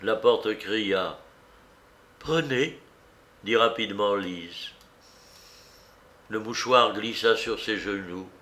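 A man narrating a classic novel as an audiobook, in a measured, even reading. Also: lowish voice.

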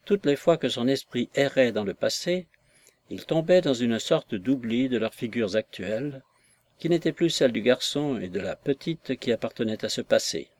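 A male narrator reading a classic novel aloud. His delivery is measured and steady, at a middle pitch.

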